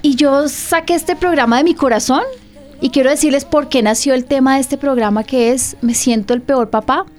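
Woman, pastor, radio host, fairly high voice, candid testimony, conversational. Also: normal speed, a little mellow. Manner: candid, conversational, asks listeners direct questions.

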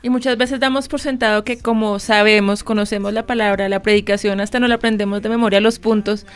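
A woman's voice: mid-range voice, steady tone, quick pace, smooth, soft background music. A woman co-hosting a church talk program, adding agreeable supporting remarks to the host's points. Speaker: co-host. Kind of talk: church radio conversation.

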